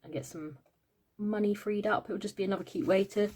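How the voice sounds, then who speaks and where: A woman's voice: medium pitch, fairly quick, dark tone. A British woman in a casual budgeting vlog, tired and yawning, counting money aloud with many "um" fillers. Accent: British English. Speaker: budgeting vlogger. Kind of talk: casual cash-stuffing vlog chat.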